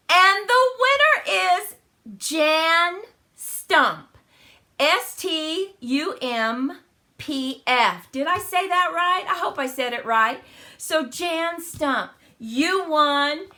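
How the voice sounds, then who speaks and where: A woman with a high voice and lively intonation speaks very slowly, her tone pushed and bright. She hosts a card-making channel and is chatting warmly with viewers during a live crafting demo, her voice slightly crackly after the flu.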